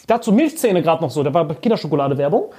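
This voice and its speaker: A man spins a profane story in casual podcast chat, often breaking into mocking impressions. His pitch swings widely as he talks. His voice has a slight husk to it. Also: big pitch swings, dark tone, breathy edge. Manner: fast bursts, often laughing.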